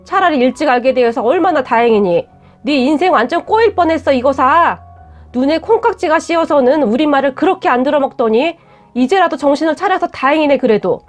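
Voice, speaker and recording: A woman's voice: high-pitched, expressive, fairly quick, soft background music. A woman voicing a stern parent who talks seriously and reproachfully. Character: stern worried parent of the bride.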